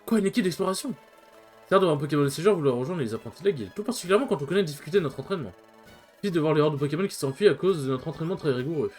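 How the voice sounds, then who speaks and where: A man putting on a bossy male bird Pokémon, all shrill witch-like tones and haughty orders. He rattles along quickly, pitched a touch high, with a faint music bed behind him. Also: lively intonation, a little mellow, close to an everyday voice. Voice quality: shrill witch-like voice, man's version. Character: bossy self-important male bird Pokémon, guild's right hand.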